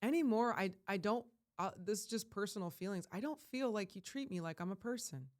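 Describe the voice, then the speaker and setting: A woman's voice: mid-range voice, expressive, brisk. Impassioned ranting woman vlogger. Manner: emphatic, ranting, surging to loud peaks; rambling with frequent restarts. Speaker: life coach. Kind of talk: impassioned vlog monologue.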